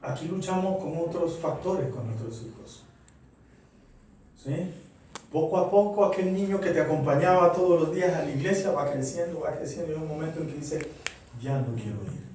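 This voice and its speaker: A man's voice: a little high, dark tone, slight background noise. A middle-aged man preaching a sermon to his congregation, earnest and full of rhetorical questions. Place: church. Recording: very echoey church, voice far from mic.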